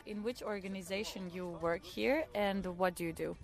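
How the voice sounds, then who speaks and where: A woman's voice: medium pitch, normal speed, creaky, faint music behind. A woman hosting a radio interview, reading an introduction and then asking her guests short, simple questions. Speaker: radio host.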